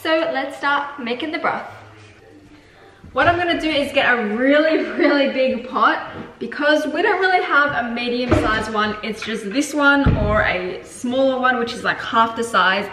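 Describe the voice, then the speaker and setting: A woman's voice: sits high, measured pace, pushed and bright. A woman vlogging casually, chatting upbeat with lots of fillers while cooking in her home kitchen. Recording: echoey room with faint noise.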